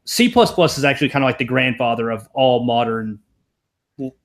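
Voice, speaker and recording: A young Southern programmer from Tennessee speaks a little fast in a medium-pitched voice. As a podcast guest, he rambles casually and self-deprecatingly, with some casual swearing.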